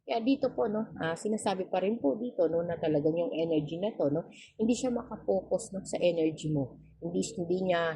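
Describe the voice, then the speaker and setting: Low, husky-voiced woman tarot reader. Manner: tags nearly every phrase with a questioning "no?"; gentle, polite, addressing the viewer directly. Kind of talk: tarot reading monologue.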